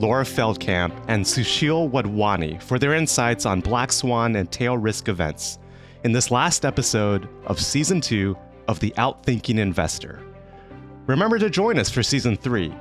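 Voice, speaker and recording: A man hosting a podcast with scripted narration. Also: on the low side. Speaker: podcast host.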